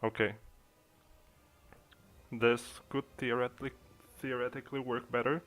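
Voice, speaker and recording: A young man from the Czech Republic, Czech accent audible, chats loosely on his livestream, hesitating and using lots of fillers while setting up his desk mic in the streaming software. His mid-range voice is level in tone, slightly bright, and moves at normal speed.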